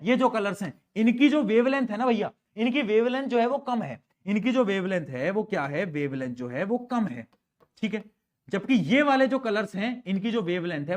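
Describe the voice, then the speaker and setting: A young male teacher giving a live science lesson, playful and teasing, repeating key questions and answers and mixing English terms into his talk. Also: high-pitched. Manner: playful, teasing, addresses students as beta; mixes English terms into Hindi.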